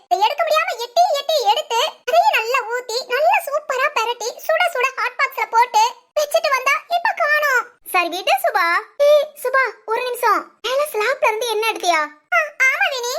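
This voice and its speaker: Woman voicing a very high, bright-toned cartoon young wife, excitable and whiny. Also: exaggerated voice. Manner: excitable, whiny complaints, giggly. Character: chatty young wife in a cartoon family comedy. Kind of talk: cartoon voice acting.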